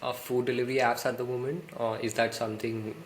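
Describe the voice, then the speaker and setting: Mid-pitched male interviewer. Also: level tone, quick pace, slight background noise. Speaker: interviewer, host. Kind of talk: interview questions.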